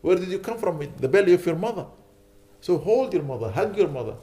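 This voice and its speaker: In a lecture hall, a sheikh lectures in a warm, sing-song voice that sits high and moves a little fast. His sermon urges the audience on through repeated rhetorical questions.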